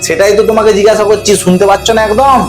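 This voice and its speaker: Casting: male actor as exasperated husband, rapid insistent delivery, comedy skit with music underneath. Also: high-pitched, lightly acted. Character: exasperated, wily husband quizzing his wife. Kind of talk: domestic comedy skit acting.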